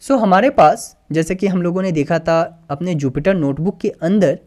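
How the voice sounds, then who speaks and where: In a screen-recorded coding tutorial, a male instructor with a high-pitched, darkish voice speaks at normal speed. He patiently walks through each step, reading code aloud as he types and mixing English terms into his speech.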